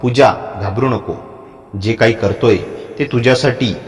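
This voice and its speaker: A man voicing a calm, protective older father-in-law who speaks softly and steadily, with a long hall reverb on the voice. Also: mid-range voice, moderate pace, faint music behind, close to an everyday voice. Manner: calm, steady, soft-spoken.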